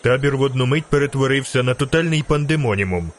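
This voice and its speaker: A man reading a fantasy novel aloud in steady storytelling narration. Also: mid-range voice, fast, a little hiss or hum. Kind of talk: audiobook narration.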